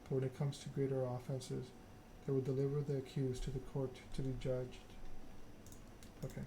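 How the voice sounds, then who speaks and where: This is a man hosting a game stream in ASMR style, mixing soft-spoken reading with stream chat. He speaks at a middle pitch with little variation, in a slow, hesitant rhythm, against a noisy ambient background.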